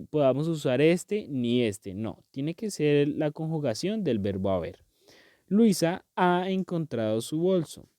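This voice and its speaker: A man's voice: a little high, dark tone, no echo, clean studio sound. A man teaching a grammar lesson, patient and explanatory, checking often that his students follow. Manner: patient, repeats "¿cierto?" and "¿listo?" to check understanding.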